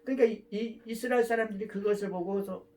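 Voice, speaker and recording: A man preaching a sermon as a pastor, emphatic, moving between loud cries and soft asides. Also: sits high, fairly even intonation, fast.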